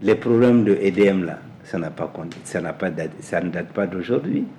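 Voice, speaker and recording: A man from Mali, answering as an interview guest in a measured way, repeating words as he searches for them. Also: deep voice, warm tone, a little hiss or hum. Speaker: guest, energy specialist.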